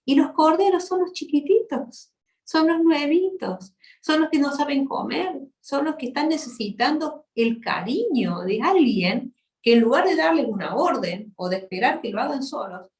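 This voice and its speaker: A woman's voice: high voice, lively intonation, moderate pace, a little mellow. A woman, preaching to a women's church gathering with passion and tenderness and sudden shifts in volume. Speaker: guest speaker at a women's church meeting. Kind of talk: sermon. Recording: echoey hall.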